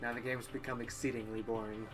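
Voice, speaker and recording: A man's voice: mid-range voice, flat delivery, fast, over music. A man co-hosting a let's play, reading game dialogue aloud with casual commentary.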